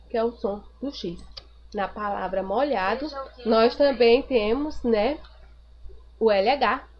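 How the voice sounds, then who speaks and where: A woman teacher giving a recorded grammar review lesson, patiently repeating each point and asking the class rhetorical questions. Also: on the high side. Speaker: primary school teacher. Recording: dull lo-fi recording with faint noise.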